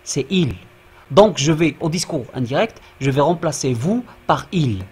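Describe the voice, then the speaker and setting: A man teaching a grammar lesson in class, speaking slowly, repeating himself and checking with the students. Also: fairly high pitch, lively intonation, a little mellow, slightly rough. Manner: slow, repeats and checks with "d'accord?".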